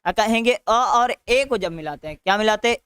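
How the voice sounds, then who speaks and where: A man's voice: sits high, expressive, brisk, sharp tone, smooth, dry recording. A male teacher with a Bihari Hindi accent, giving an online grammar lesson by asking questions and answering them himself, often adding a tag question. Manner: drills students with repeated questions and answers.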